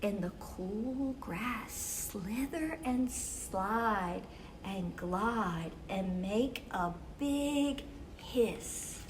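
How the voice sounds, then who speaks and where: Reading picture books aloud at a children's story time, this woman speaks expressively, pacing her words slowly and deliberately for young listeners. Her voice is fairly high and fairly bright, with slight background noise in the recording.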